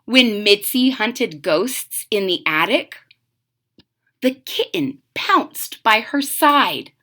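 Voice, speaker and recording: As a channel host and storybook reader, a woman reads a children's story expressively, adding chatty asides and questions for young listeners. Her voice is a little high, pushed and bright.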